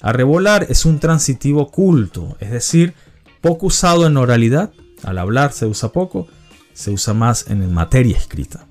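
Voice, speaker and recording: Man, quiz host, lively pitch, explanatory and repetitive, faint music behind. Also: moderate pace. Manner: explanatory, repeats answers and definitions. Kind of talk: hosting a vocabulary quiz.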